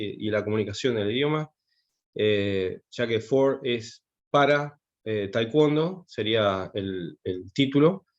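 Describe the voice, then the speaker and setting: A man in his 50s, a taekwondo instructor who teaches English, gives an online class in a mid-range voice through a muffled recording. He sounds hesitant, with lots of fillers and restarts.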